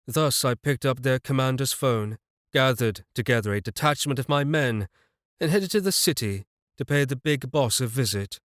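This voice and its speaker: A man's voice: medium pitch, lively intonation, normal speed, fairly bright tone, dry recording, studio quality. A man narrating a fantasy audiobook in the first person, telling it evenly with a wry touch.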